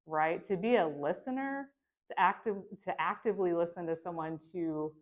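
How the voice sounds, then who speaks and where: A woman's voice: lowish voice, normal speed. A woman teaching a lesson on emotional intelligence to a church group, talking in a conversational, reflective way with many tag questions and fillers. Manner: reflective, speaks from own experience. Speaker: teacher of a church training course.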